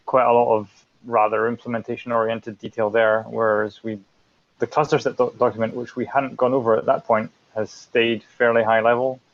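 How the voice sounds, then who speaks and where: A man speaking over a video call in a casual technical meeting, halting with many restarts and fillers. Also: mid-range voice. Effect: heard over a video call. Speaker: meeting participant. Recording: dull, lo-fi video call audio.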